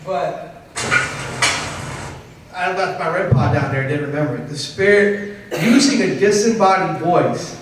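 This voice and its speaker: A man's voice: high-pitched, measured pace, long pauses. A man, a paranormal investigator, giving an emphatic convention panel talk to an audience, checking in with them often. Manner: emphatic, keeps checking in with "okay?". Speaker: paranormal investigator presenting evidence. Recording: echoey hall, distant, faint hiss.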